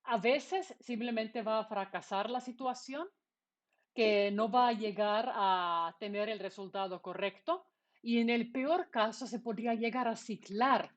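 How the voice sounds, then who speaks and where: This university lecturer, a native Finnish speaker, teaches programming online in a higher-pitched voice at a measured pace. Her method is stepwise, with questions she asks and resolves on her own.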